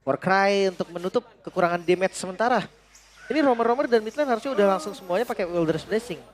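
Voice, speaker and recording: A man's voice: high voice, fast talker, background noise. A man with an Indonesian accent giving colloquial, exclamatory commentary on an esports match. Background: music.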